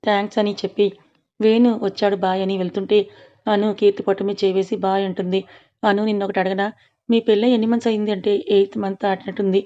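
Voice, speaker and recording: Woman narrating a story, flat and mellow. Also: mid-range voice, quick pace, dull audio. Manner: reads dialogue inside plain narration.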